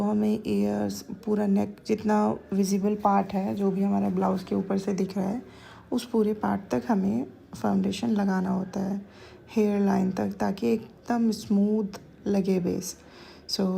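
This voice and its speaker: A woman's voice: mid-range voice, creaky, dark tone. A woman makeup artist explaining a bridal makeup look step by step, switching between Hindi and phrases. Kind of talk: voice-over makeup tutorial.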